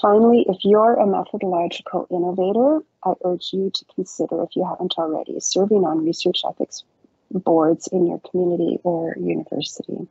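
A low, gravelly woman's voice, mellow and a little husky, speaks with measured care. She presents research on a video call. The audio is dry and dull, like a lo-fi call. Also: fairly even intonation, no room sound. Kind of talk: presentation, then panel discussion.

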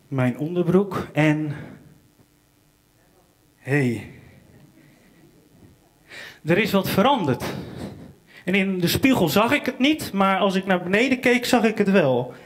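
High-voiced young man telling comic stories. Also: lively intonation, slow pace, pauses often. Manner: wry, self-mocking anecdote telling. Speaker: comedian and singer-songwriter. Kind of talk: live stand-up storytelling. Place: small theater stage, open mic night.

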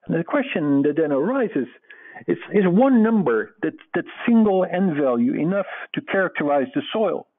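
A man's voice: fairly high pitch, sing-song, moderate pace. Dutch man lecturing over a tinny line. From Netherlands. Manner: earnest, explanatory, many fillers. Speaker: presenter. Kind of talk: webinar lecture over slides. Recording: tinny phone-like webinar audio.

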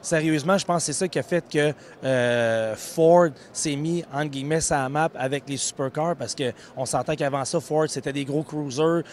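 A man in his forties with a Québécois accent, hosting a car show segment with lively energy. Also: a little high, normal speed, few pauses. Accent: Québécois French. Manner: energetic, playful. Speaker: host. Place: outdoors in a garden. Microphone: handheld mic.

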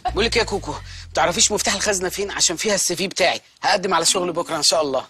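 Meek jobless husband in a TV comedy sketch, Egyptian Arabic accent, rapid patter, fairly high voice, faint music behind. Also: male voice, lively intonation, bright, forceful tone, husky, full character voice. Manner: placating, sheepish, quick joking.

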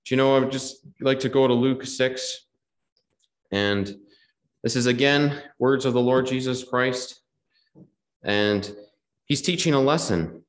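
A man's voice: mid-range voice, a little slow, long pauses. A man preaching a gospel sermon in a hall, earnest and repetitive, quoting scripture in old wording. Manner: earnest, repeats key phrases, quotes scripture in old wording. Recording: echoey hall.

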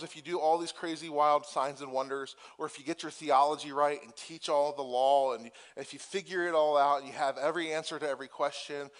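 A man preaching a sermon as pastor, moving from conversational asides with restarts to impassioned, emphatic peaks. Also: fairly high pitch.

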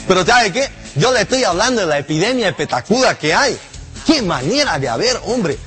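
Comic guy doing a crude old birth helper, high lively voice, rambles n swears, faint music. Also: fairly quick. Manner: rambling, swears often, laughs at his own jokes. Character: old male delivery-room assistant, crude, rambling, complaining. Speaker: comedian doing a character monologue. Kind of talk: comic character monologue to camera.

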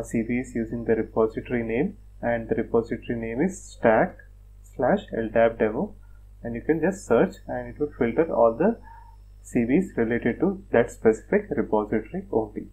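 Male tutorial narrator, mid-pitched, methodical step-by-step delivery with fillers, faint hum under the voice. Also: mellow, rough recording. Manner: plain, methodical, frequent "uh" and "like" fillers. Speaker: software tutorial presenter. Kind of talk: screen-recorded technical walkthrough.

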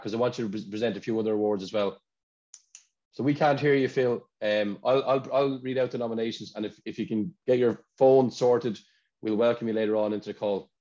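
A man's voice: mid-range voice, mellow. An Irish man hosting an awards ceremony over a video call, chatty and often repeating words as he talks. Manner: chatty, repeats words when searching for them. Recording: dull lo-fi video call audio.

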